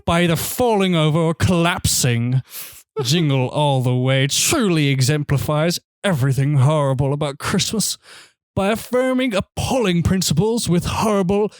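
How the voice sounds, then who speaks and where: A man putting on the voice of a snobby, pretentious male film critic, reading a review in a pompous, drawn-out way. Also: a little high, no room sound, natural voice.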